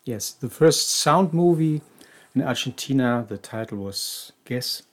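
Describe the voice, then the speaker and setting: A podcast co-host explains tango history casually but knowledgeably, often restarting his sentences. His mid-range voice is unhurried, with lively intonation.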